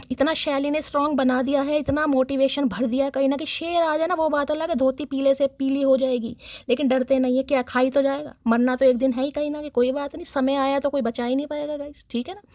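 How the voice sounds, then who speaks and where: A woman giving a chatty collective tarot reading, teasing and sarcastic, and talking warmly and directly to her viewers. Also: sits high, little pitch movement, fairly quick, dry recording, clean studio sound. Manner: affectionate address to audience. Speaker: tarot reader.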